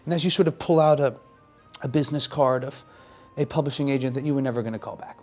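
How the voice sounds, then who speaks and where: A man working as game master, improvising narration for a tabletop game in casual, descriptive, halting phrases. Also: medium pitch, faint music behind.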